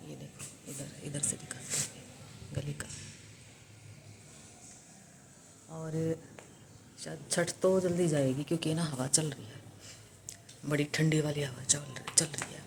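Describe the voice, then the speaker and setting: A woman's voice: low-pitched, fairly even intonation, measured pace, noisy background. A middle-aged woman vlogging from her home kitchen, chatting through a recipe step by step with plenty of fillers, recorded on a phone. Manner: chatty, explains steps with many fillers. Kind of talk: casual recipe demonstration. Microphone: phone camera.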